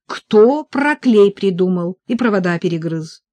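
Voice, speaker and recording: A reader doing a calm, sensible leader. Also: mid-range voice, measured pace, no echo, natural voice. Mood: level-headed.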